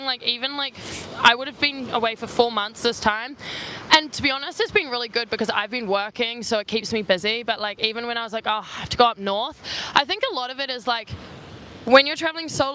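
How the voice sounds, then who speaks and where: A bright-voiced young New Zealand woman, pitched on the high side, does a casual phone livestream as a travel vlogger, fielding viewer questions. She's in her twenties, out on a beach promenade, sweaty and squinting in the sun, and chats with a constant stream of "like." Faint street and traffic noise drifts in.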